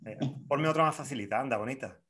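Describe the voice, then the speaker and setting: Male host from Spain, casual and playful, mid-pitched, a little hesitant. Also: fast talker, sharp tone. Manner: playful, teasing, hesitant fillers. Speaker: interview host. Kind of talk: casual interview chat.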